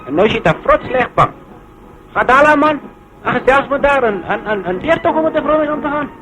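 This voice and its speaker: An actor playing a lively male farmer from South Africa who teases and coaxes his shy friend, in 1950s film comedy acting. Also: very high voice, a little fast, low-quality recording. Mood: teasing.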